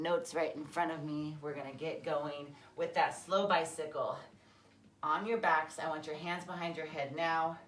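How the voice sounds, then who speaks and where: A woman's voice: low-pitched, slight background noise. A middle-aged woman leading a live workout class, giving short, encouraging instructions as she exercises. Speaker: fitness coach leading a class. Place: large empty indoor room with high ceiling. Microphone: phone camera a few metres away. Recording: echoey room, far from mic, music behind.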